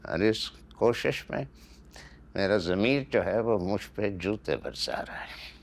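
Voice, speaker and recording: An older actor with a Pakistani accent playing a guilt-ridden father who speaks in a slow, heavy, reproachful way. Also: lowish voice, lively intonation, vocal fry. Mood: remorseful.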